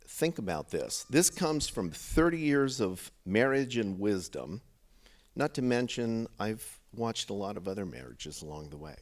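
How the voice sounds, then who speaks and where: Low-voiced man giving father-of-the-bride speech. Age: middle-aged. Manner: heartfelt, deliberate phrasing with pauses. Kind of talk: father of the bride speech, addressing wedding guests.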